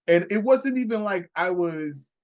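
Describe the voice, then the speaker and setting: A man's voice: high-pitched, lively intonation, measured pace. A man in his thirties, a podcast co-host, telling a story in casual chat, laughing and acting out what people said.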